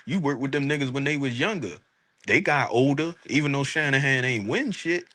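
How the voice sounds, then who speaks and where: Bright-voiced man talking casual street slang. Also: mid-range voice, fairly quick, no echo. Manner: emphatic, repeats rhetorical check-ins. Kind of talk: casual sports talk.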